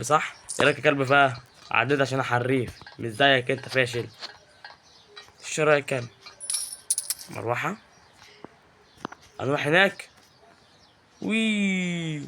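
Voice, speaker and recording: Here the same kind of gaming YouTuber sounds medium-pitched and talks at a normal speed, pausing often over slight background noise. He has an Egyptian Arabic accent and keeps up an excitable, teasing live commentary, yelling at the game's characters.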